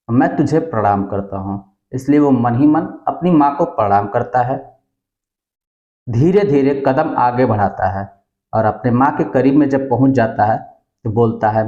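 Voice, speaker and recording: A man tells a folk story in a warm, unhurried way, speaking to his listeners as friends. The room around him rings with echo, and the sound is slightly muffled. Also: mid-range voice. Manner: addresses listeners as friends, acts out dialogue lightly. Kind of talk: storytelling narration.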